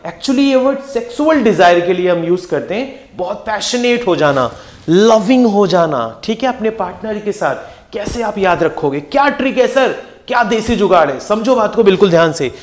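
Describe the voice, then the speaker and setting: High-voiced lively male vocabulary teacher. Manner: lively, repeats words and asks quick questions to the class. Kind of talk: energetic exam-prep lesson.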